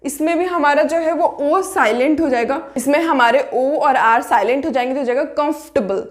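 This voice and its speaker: High-voiced Indian woman teaching pronunciation. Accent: Indian English. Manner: repeats words slowly and drills them. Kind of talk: casual video lesson, mixing Hindi and English. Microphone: writes on a board while talking.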